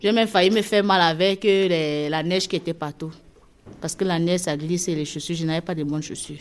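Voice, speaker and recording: A woman's voice: lowish voice, fairly even intonation, brisk. A woman from Cameroon, earnestly giving her testimony as a migrant and repeating words as she searches for them. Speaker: migrant being interviewed. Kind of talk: personal testimony. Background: crowd chatter.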